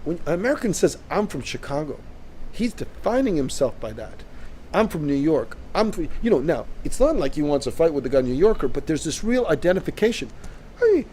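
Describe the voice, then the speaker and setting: A man's voice: on the high side, very animated, brisk, darkish tone, a little hiss or hum. A Canadian man in casual discussion, arguing his point emphatically and often checking in with "right?". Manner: emphatic, interjects with repeated "right?". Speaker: co-host.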